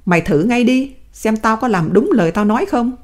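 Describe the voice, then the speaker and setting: A woman voicing a dignified old male prisoner who speaks in firm, measured sentences. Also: on the high side, animated, a little mellow, voice pushed up, close to an everyday voice. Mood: angry.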